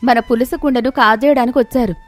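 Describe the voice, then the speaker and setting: A woman doing a shrill, shouting young daughter-in-law. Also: fairly even intonation, fairly quick, dry recording, soft background music, lightly acted. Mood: teasing. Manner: shrill shouting calls for help.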